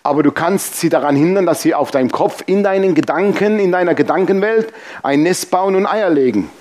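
Male preacher, lightly raised pitch, humorous storyteller, talks straight to the congregation. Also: brisk. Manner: lively, humorous storytelling, addressing the congregation directly. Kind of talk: sermon with personal anecdotes.

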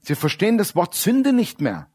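A man preaching a sermon in a blunt, animated way, acting out quoted characters and dropping to quiet asides. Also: sits high, moderate pace, husky.

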